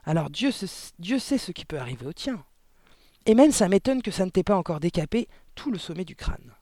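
A shrieking, hysterical mother from a storybook reading, put on by a reader. Her voice is pushed high and loud, with wild, lively swings in pitch. The sound is dry and close. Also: brisk, dry recording. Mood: scornful. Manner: shrieking, scolding. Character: shrill hysterical middle-aged mother. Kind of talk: audiobook reading.

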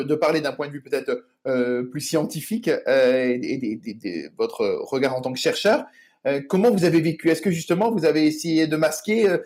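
A man's voice: on the high side, a little mellow. A man moderating a panel, asking long questions with repeated words and stumbles.

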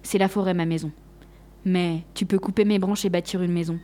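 A woman voicing a gentle, loving apple tree in a storybook reading. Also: fairly low pitch, steady tone, a little fast, natural voice. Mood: tender.

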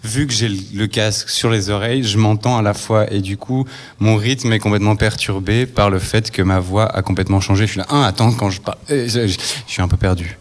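A man's voice: on the low side, steady tone, brisk, in a large hall. A man from Belgium on a casual live radio show, chatting in a playful, self-deprecating and wry way.

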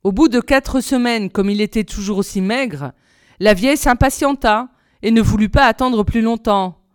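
A woman reading a fairy tale aloud in a measured, expressive storybook style. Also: fairly high pitch, smooth, dry recording, clean studio sound. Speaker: reader.

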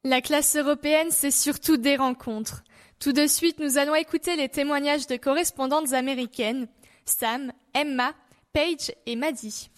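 A woman's voice: high voice, fairly even intonation, measured pace. A woman presenting a school radio show, announcing the next segment in a scripted way. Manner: clear, announcing tone.

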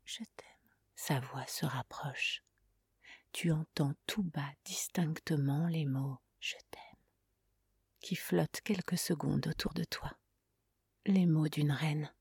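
A woman giving a soft, hushed, breathy whispered reading of a literary text, close to the mic. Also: deep voice, no room sound. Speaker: reader.

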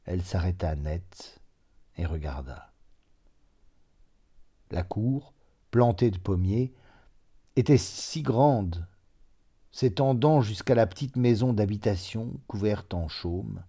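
A man reading a literary short story aloud in a measured narration. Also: lowish voice, animated, mellow, husky. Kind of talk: scripted audiobook narration.

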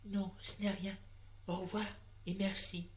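A woman's voice: medium pitch, level tone, unhurried, background noise, voice pushed up, natural voice. A woman reading a story, voicing a naive young man who talks hesitantly and sounds flustered.

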